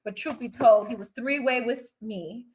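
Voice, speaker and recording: A woman's voice: on the high side, moderate pace, a crowd in the background, poor audio. A woman born in Trinidad and raised in Queens, New York, in a brash, emphatic live-stream rant that repeats points for stress. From born in Trinidad and Tobago, raised in Queens, New York. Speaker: reality TV personality on a live stream.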